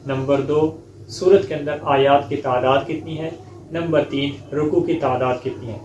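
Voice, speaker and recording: A high-voiced man teaches Quran recitation one verse at a time, stopping often to check that his learners follow. He explains each common mistake, then chants the verse slowly and melodically. The recording sounds echoey, with a faint hiss underneath. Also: fairly even intonation, darkish tone, lo-fi sound. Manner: repeats "ٹھیک ہے؟" to check understanding. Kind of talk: step-by-step recitation lesson.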